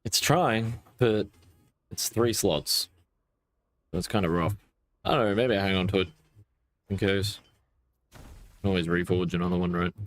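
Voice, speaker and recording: A low-voiced man talks casually while he plays a game. He rants with plenty of swearing, and his voice climbs in bursts of irritation. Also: measured pace, pauses often. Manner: profane, animated ranting with rising outbursts. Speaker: gaming streamer.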